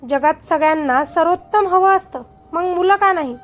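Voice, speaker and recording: A woman voicing a calm, smug villain. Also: extremely high pitch, normal speed. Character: calm, cold villainous rich man. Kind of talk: storybook narration.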